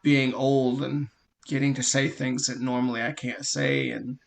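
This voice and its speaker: A man in his thirties co-hosting a casual podcast chat, telling lively stories and laughing at his own tales. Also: mid-range voice, unhurried, creaky, slight background noise. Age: 30s. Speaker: podcast co-host.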